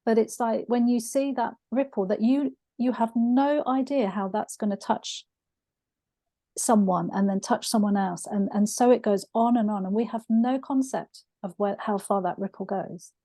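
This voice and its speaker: A woman's voice: fairly high pitch, moderate pace, mellow, no room sound. Heartfelt middle-aged woman hosting a podcast. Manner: heartfelt storytelling. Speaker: podcast host. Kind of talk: conversational interview.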